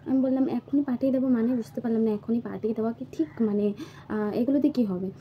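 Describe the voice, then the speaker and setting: A woman's voice: fairly high pitch, fast. A woman vlogger from Assam talking casually to her viewers at home, hesitant and full of fillers and restarts. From Assam, India. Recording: slightly dull recording with faint background noise.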